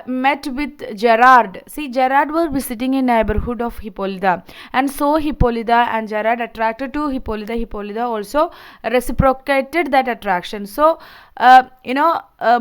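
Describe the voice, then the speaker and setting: A woman lecturer speaks in a fairly high, clean and smooth voice. She explains in an informal teaching style, often going back over a point in new words and checking in with the listener. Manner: explanatory, repeats and rephrases points, checks with "okay" and "see". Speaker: literature lecturer. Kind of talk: informal lecture summarizing a play.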